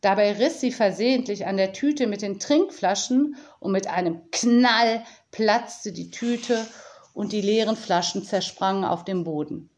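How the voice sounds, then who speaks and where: Brief: woman storyteller, slow and calm, children's audiobook. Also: medium pitch. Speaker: narrator.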